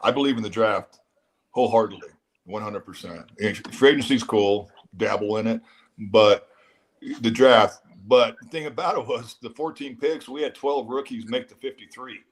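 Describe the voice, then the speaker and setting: A former front office man talks through how a team is built. He is measured and repeats words while he finds his point. His voice sits at an ordinary pitch. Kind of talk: casual sports talk.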